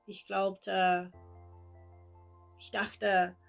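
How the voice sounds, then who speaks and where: A woman in her twenties from England, with an English accent and English as her first language, giving a personal testimony in slow, halting, careful speech. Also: mid-range voice, flat delivery, gravelly, soft background music. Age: 20s. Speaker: testimony speaker.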